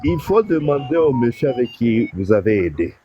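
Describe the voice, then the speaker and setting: A man, from North Kivu, calling into a live stream and giving advice in a halting way, full of restarts and fillers. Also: medium pitch, sing-song, dull audio, a little hiss or hum. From DR Congo, North Kivu. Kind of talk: casual call-in advice. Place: call from abroad.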